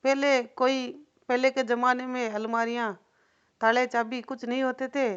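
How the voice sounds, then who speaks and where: A woman's voice: high-pitched, little pitch movement, normal speed, clean tone. A woman telling a devotional folk story in a loose, repetitive oral style, with asides to the listener. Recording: dull lo-fi recording.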